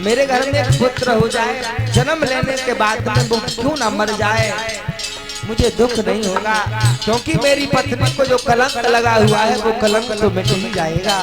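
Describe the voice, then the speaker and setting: A man's voice: extremely high pitch, normal speed. A folk storyteller voicing a grieving, childless male king who pleads in sorrow. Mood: pleading. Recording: loud backing music.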